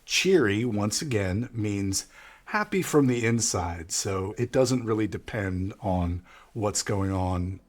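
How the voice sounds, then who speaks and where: A man with an American accent teaching English vocabulary, patiently explaining each word and repeating the key ones. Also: on the low side. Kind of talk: vocabulary lesson.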